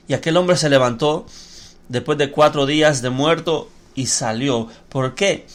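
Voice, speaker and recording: A man's voice: a little high, a little slow. A man preaching a sermon on a podcast microphone, emphatic and repetitive, asking rhetorical questions. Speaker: pastor.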